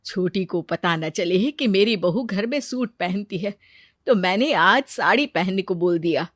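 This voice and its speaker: Woman doing a gentle, kindly mother-in-law. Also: medium pitch, measured pace, dry recording, clean studio sound. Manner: calm, kindly, reassuring. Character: gentle, patient middle-aged mother-in-law. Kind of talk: cartoon story voice acting.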